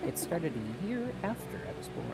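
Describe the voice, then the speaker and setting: A late-twenties streamer hosts a crafting session in playful, rambling chat, teasing their partner. Their pitch moves in a lively way. Clear background music plays under the talk. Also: moderate pace. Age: 20s. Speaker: streamer host. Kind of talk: casual chat while crafting.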